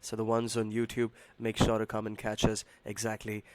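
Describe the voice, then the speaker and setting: Hoarse, unwell man chatting on a livestream. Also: fairly low pitch, monotone, a little mellow, slight background noise. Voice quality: hoarse, strained voice. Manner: halting, repeats himself, addresses viewers as buddy and man. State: unwell, voice not as usual. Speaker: live trading stream host. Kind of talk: casual livestream chat.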